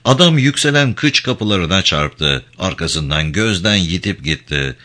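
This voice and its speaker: Lively low-voiced male audiobook narrator. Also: measured pace. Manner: expressive, dramatic. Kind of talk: dramatic audiobook reading.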